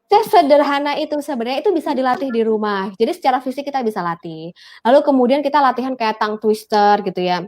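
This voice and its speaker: A woman's voice: high-pitched, lively intonation, fast talker, a little mellow. A young woman with a Javanese accent, a guest coach explaining public speaking drills in casual talk show chat and demonstrating newsreader-style delivery.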